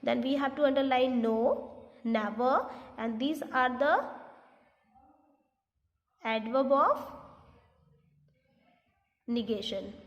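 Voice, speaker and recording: Woman, teacher, grammar lesson, very slow pace, reverberant room. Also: high voice, dull audio. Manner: mixes Hindi explanations with slow, deliberate English examples; checks in often with "Is that clear?". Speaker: English teacher.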